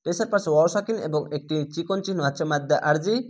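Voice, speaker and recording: Male recitation teacher with a high voice and a Bangladeshi Bengali accent, drilling words syllable by syllable and patiently restating each rule. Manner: breaks words into syllables, repeats them slowly and explains rules. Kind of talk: step-by-step recitation lesson.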